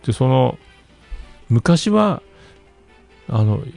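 A man's voice: medium pitch, big pitch swings, extremely slow, creaky, darkish tone, soft background music. A man telling a rambling story in casual chat, with many fillers and asides.

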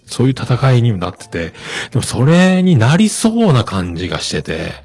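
A man hosting a podcast, chatting casually as he reads out listener messages with many relaxed fillers. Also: mid-range voice, normal speed, breathy edge, soft background music. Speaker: podcast host.

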